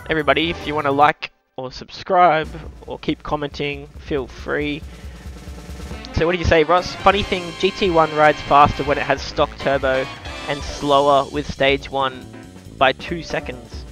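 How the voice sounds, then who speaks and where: A man's voice: fairly high pitch, steady tone, normal speed. An Australian man live-streaming a game, chatting casually in a blokey way with mild swearing and slang. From New South Wales, Australia. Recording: loud game music and engine noise behind. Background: racing game music and car sounds.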